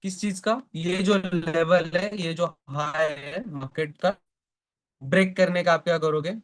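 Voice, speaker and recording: Speaking at a measured pace with fairly even intonation, a slightly high-voiced man teaches a live online stock trading class. He constantly asks questions, answers them himself, and checks that his students are keeping pace.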